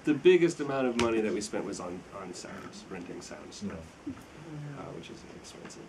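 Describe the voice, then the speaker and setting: A young man, a filmmaker, chatting casually in a Q&A after a screening, relaxed and rambling, laughing often. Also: lowish voice, moderate pace, noisy background. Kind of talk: casual Q&A chat. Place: screening room with an audience.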